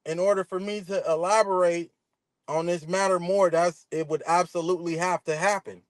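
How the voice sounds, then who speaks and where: A man's voice: high-pitched, steady tone, no echo. A man whose voice sits well above most men's, heard dry and close over a video call. He answers questions on a live stream defensively, circling back to the same words and stumbling through restarts. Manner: defensive, repetitive, halting restarts.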